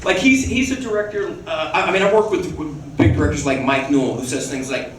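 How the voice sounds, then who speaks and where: Recorded at a distance in a reverberant hall full of ambience, this man speaks briskly in a fairly high pitch, with a faint hiss or hum underneath. He's a guest actor at a fan Q&A, a restless, profane storyteller who laughs a lot and keeps starting his anecdotes over.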